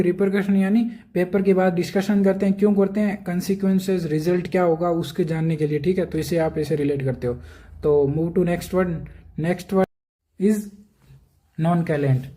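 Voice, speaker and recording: Guy teaching vocab, kinda high voice but soft and mellow, keeps checking in w/ students. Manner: explains step by step, often checks in with "theek hai". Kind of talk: casual lecture.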